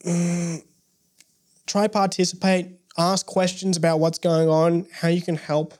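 A young adult early childhood educator chatting as a podcast guest. The voice sits at a middling pitch and often stops to restart a thought. Now and then a dry joke lightens the talk. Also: level tone, unhurried, darkish tone. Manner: hesitant, with many restarts and wry jokes. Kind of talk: casual podcast conversation.

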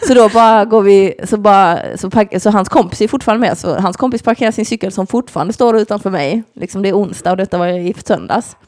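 A woman's voice: mid-range voice, hardly any pauses, no echo, clean studio sound. A young woman from Sweden, co-hosting a casual podcast, telling a long story and acting out what everyone said. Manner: animated, acts out quoted voices, lots of fillers.

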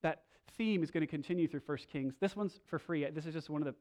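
Animated Bible teacher asking rhetorical questions. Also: medium pitch, fast. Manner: swings between loud emphasis and quiet asides. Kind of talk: Bible study lesson.

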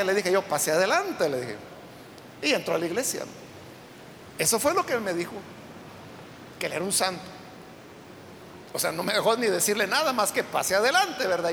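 A man's voice: sits high, gravelly, sharp tone, in a large hall, a little hiss or hum. A male preacher giving a sermon, telling a story and asking the congregation questions.

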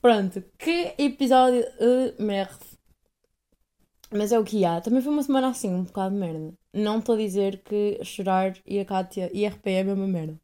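Woman, twenties, European Portuguese accent, mellow tone, rambling, self-deprecating, solo podcast chat. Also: medium pitch, fairly quick. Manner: rambling and self-deprecating, heavy use of fillers. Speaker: podcast host. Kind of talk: casual solo podcast monologue.

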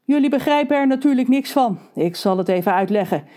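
A composed butler-turned-agent, polite and unhurried in manner, as a woman reading a storybook puts him on. He speaks a little higher than an everyday man, clear and even. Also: close to an everyday voice. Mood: calm explaining. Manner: calm, polite, matter-of-fact. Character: calm male butler, secretly an undercover agent.

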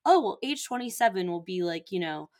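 A young woman co-hosting a podcast in casual chat, chatty and bubbly, with animated asides. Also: medium pitch, a little fast. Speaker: podcast co-host.

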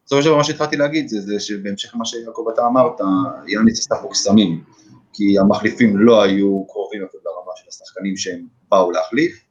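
Low-ish guy hosting a sports podcast, lots of uh's, sound kinda dull and lo-fi. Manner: hesitant, lots of fillers, steers the talk. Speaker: podcast host. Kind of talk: casual sports podcast chat. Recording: dull lo-fi audio.

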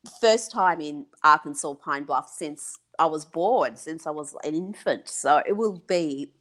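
A woman's voice: sits low, unhurried, a bit bright. A woman raised in Iran, chatting as a guest in a casual remote conversation, often breaking into laughs.

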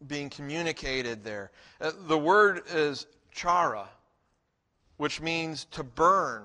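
A man's voice: mid-range voice, sharp tone, in a large hall. A middle-aged man preaching a sermon as pastor, in a conversational way with frequent restarts.

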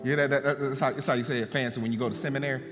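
A man's voice: medium pitch, fairly even intonation, racing. A man preaching a sermon, mixing fervent preaching with folksy asides to the congregation. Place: church sanctuary. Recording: long hall reverb, faint music.

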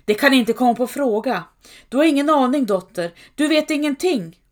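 A woman voicing a harsh, fearful medieval farm mother who scolds her daughter in shrill outbursts. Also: natural voice. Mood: furious.

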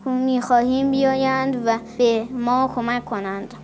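A woman reading the lines of a stubborn young village man who contradicts everything, in a high voice. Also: little pitch movement, a little mellow, faint music behind, natural voice. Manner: contradicting, insistent.

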